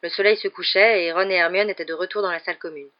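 A reader narrating an audiobook in a steady, even manner. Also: medium pitch, fast talker, dull audio. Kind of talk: scripted narration.

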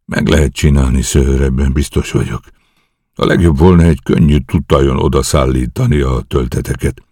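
A man's voice: extremely low pitch, fairly even intonation, dark tone, slightly rough, dry recording, clean studio sound, full character voice. A man reading the lines of an eager young commando officer who earnestly reports a risky night mission to his superiors.

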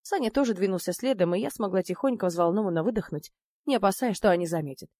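A woman narrating a first-person audiobook in a wry, expressive way. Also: medium pitch, fast.

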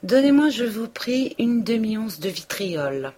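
A woman's voice: fairly high pitch, big pitch swings, takes it slowly, warm tone, pitched above the performer's own voice. A woman reading a novel aloud, voicing a male village tax collector who speaks curtly and slyly. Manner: curt and sly.

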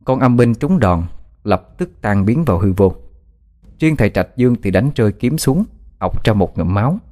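Low-voiced man narrating a horror story. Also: lively intonation, moderate pace, dark tone. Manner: dramatic, suspenseful reading.

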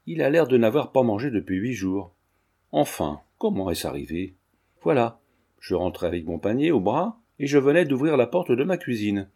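Male reader voicing an old maid servant, frightened, mellow tone. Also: medium pitch. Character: elderly female servant, frightened and blunt. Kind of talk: audiobook character reading.

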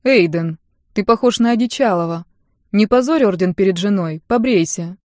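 Woman reading as a sharp-voiced blond order man. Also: medium pitch, normal speed, no room sound, studio quality, lightly acted. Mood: teasing. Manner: cutting, loud and declarative.

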